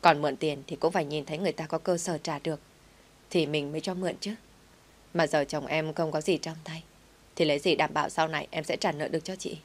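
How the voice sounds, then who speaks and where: A woman's voice: low voice, steady tone, fast. Woman voicing a blunt, teasing older sister figure. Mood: matter-of-fact.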